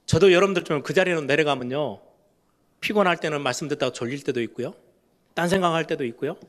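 A middle-aged male pastor preaching a lively sermon. His voice sits a little high for a man. He swings into raised, pleading tones when he acts out questions. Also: fast talker.

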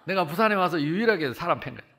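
Preaching in animated fashion, a sixty-something pastor from the Jeolla area of South Korea moves from booming to quiet as he tells his stories. His voice sits high, and he talks quickly.

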